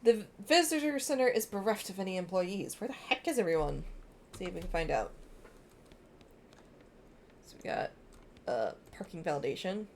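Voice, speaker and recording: A woman's voice: medium pitch, sing-song, moderate pace, long pauses, a little mellow. A woman casually playing through a game, reading its text aloud and dropping in offhand asides. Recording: clear background noise.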